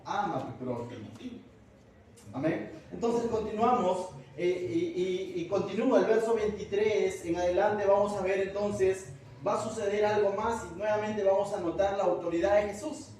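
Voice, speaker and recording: High-voiced pastor in an echoey hall. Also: male voice, normal speed, a little mellow, far from the mic, slight background noise. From Peru. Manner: conversational, asks the congregation questions. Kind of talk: verse-by-verse Bible study sermon. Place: church hall.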